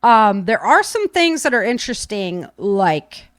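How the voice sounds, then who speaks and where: A podcast host, speaking a little slowly in a sing-song, mid-range voice, rambles informally with lots of fillers as she chats to live listeners. The dry, studio-quality audio comes from a webcam stream setup, with the microphone set back from the keyboard.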